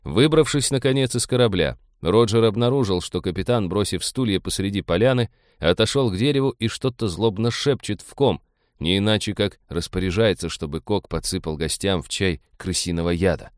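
A man narrating an audiobook in a steady, even storytelling manner. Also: on the low side, a little fast, dry recording, studio quality. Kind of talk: scripted narration.

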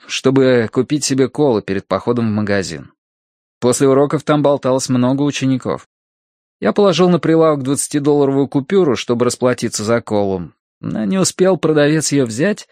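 A man narrating an audiobook in an expressive storytelling manner. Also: medium pitch, no room sound, clean studio sound.

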